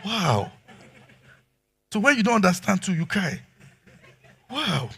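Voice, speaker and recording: A man preaching a sermon as pastor, animated and emphatic, asking rhetorical questions. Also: high-pitched, slow, creaky, breathy edge.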